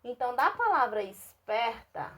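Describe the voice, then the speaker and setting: A primary school teacher with a Brazilian Portuguese accent records a remote lesson for young children, spelling out syllables slowly and clearly. She is patient, repeating herself and checking in with "tá certo?" to make sure they follow. Her voice is fairly high with big pitch swings, and the recording is muffled.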